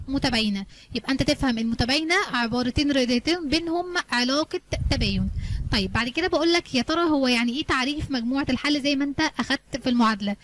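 A woman math teacher with an Egyptian Arabic accent, talking at a very quick clip in a high voice. She leads her pupils through the lesson in a coaxing, colloquial way, posing questions and answering them herself. Faint noise sits under her voice. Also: fairly bright tone. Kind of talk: explaining a lesson to students.

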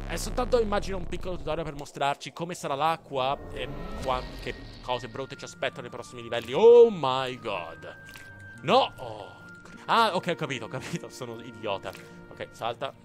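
A young man from Italy commentating a platform game, excitable, swearing and exclaiming often. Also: medium pitch. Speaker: gaming YouTuber. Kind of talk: let's play commentary.

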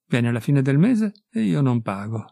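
A man's voice: medium pitch, very animated, unhurried, gravelly, dark tone, no room sound, clean studio sound, exaggerated voice. A man voicing a poor, bitter male musician who talks in blunt, sententious remarks.

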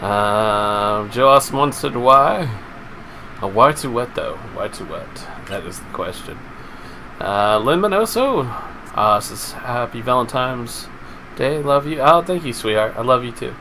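Livestreaming a game at home, a man with an expressive mid-range voice and sharp tone speaks at a measured pace. He addresses his chat informally and profanely over a noisy background.

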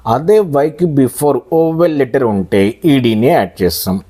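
A man with a Telugu accent teaching a spoken English lesson, explaining verb forms slowly and drilling words by repetition. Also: medium pitch, mellow. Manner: slow, deliberate, drills words by repeating them.

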